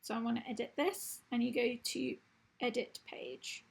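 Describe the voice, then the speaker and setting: Woman walking through a website tutorial, voice going hoarse and raspy. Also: a little high, steady tone, normal speed, low-quality recording. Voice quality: husky, gravelly. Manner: plain step-by-step explaining. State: losing her voice. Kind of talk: screen-recorded tutorial.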